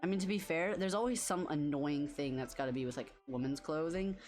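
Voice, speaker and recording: Low-voiced young woman streamer rambling. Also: fairly quick, a little mellow, faint music behind. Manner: rambling, filler-heavy talk, reacts to chat. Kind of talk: casual live-stream chat while drawing.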